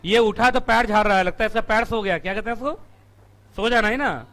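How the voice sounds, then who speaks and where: A male company law teacher, giving a live classroom lecture. He teases the students, asks them questions and answers them himself, and his throat is strained from shouting. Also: sits high, fairly quick. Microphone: room mic.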